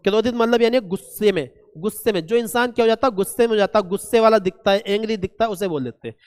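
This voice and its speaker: A man's voice: high-pitched, quick pace. Man teaching vocabulary in a reverberant room. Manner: asks and answers his own questions, calls students "beta"; spells words out letter by letter. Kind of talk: classroom vocabulary lesson.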